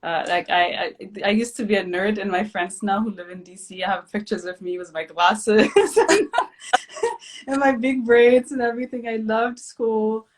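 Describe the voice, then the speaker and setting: A woman from Ethiopia in her thirties, hosting a casual live chat, relaxed and chatty with many fillers. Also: mid-range voice, moderate pace. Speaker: host, physician.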